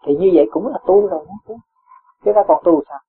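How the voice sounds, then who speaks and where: A man, a Buddhist teacher giving a gentle dharma talk with homely examples and chuckles. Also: sits high, fast talker, slight background noise. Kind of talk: dharma talk answering a follower. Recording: tinny phone-like lo-fi sound.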